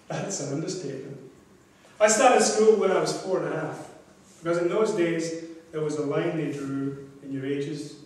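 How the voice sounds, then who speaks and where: A man's voice: a little high, distant mic. Older man telling a story in an echoey hall. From Scotland. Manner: measured storytelling with pauses. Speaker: club speaker. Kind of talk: prepared club speech.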